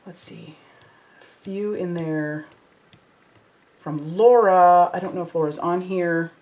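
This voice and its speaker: Woman, lower pitch, chatty, effusive, craft livestream host. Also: steady tone, slow. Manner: chatty, reads out viewer comments, warm and effusive. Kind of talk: casual live chat while crafting.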